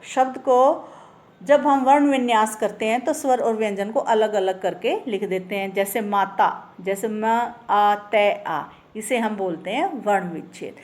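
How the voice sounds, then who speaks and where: A woman teacher giving a recorded grammar lesson, spelling words out slowly sound by sound. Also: fairly high pitch.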